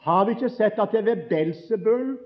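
A man's voice: high voice, lively intonation, voice pushed up. A male preacher voicing scornful accusers who jeer at Jesus, in a raised, mocking delivery, on a dull lo-fi recording.

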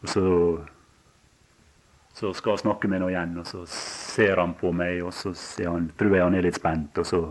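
Low-voiced preacher. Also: male voice, flat delivery. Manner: halting, repeats words, then rises with emphasis. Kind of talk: sermon.

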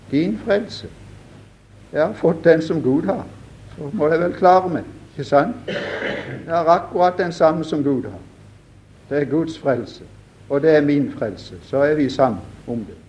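A man's voice: fairly high pitch, expressive, long pauses, darkish tone. A man preaching a sermon with fervor, firing rhetorical questions at his listeners and addressing them directly again and again.

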